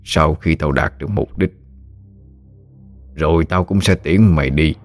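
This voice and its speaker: Sly evil sorcerer guy, low muttery voice, deep and dark, narrator doing it. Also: unhurried, soft background music. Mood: menacing. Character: scheming male sorcerer, cruel and sly.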